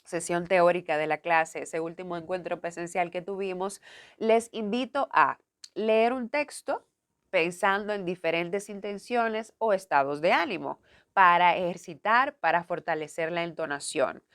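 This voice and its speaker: A woman's voice: lowish voice, a little slow, fairly bright tone. A woman university lecturer giving a recorded lesson on voice and diction, explaining step by step and speaking directly to her students. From Dominican Republic. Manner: clear, didactic, addresses students directly.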